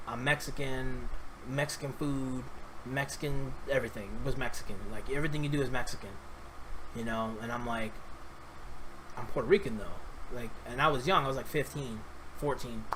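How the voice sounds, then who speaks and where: A man's voice: medium pitch, steady tone, moderate pace, background noise. Rambling opinionated man from New York. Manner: rambling, repeats and restarts words; earnest, opinionated. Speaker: vlogger. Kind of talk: casual rambling commentary.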